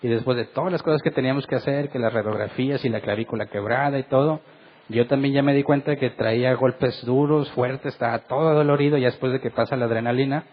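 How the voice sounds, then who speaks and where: A man's voice: mid-range voice, muffled recording, a little hiss or hum. A middle-aged man, a pastor, preaching earnestly in a Bible study and asking his listeners rhetorical questions.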